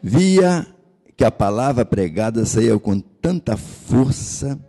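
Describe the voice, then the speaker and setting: Gravelly Capixaba pastor preaching slowly. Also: male voice, mid-range voice, sing-song, warm tone. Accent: Capixaba Brazilian Portuguese. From Espírito Santo, Brazil. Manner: impassioned preaching, asks the congregation rhetorical questions. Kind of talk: sermon.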